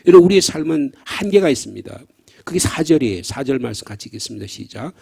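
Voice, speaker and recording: A middle-aged man preaching an early-morning prayer sermon in a church, earnest and swinging from hushed near-whispers to raised emphatic lines. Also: mid-range voice, very animated, gravelly, breathy edge. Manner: leads the congregation in slow reading of hymn lines. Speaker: pastor. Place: church sanctuary.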